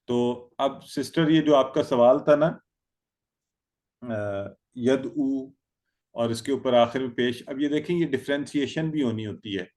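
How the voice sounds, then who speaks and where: A man's voice: medium pitch, a little mellow. A man teaching an online Arabic grammar lesson, drilling verb forms by repetition and calling on students by name over a video call.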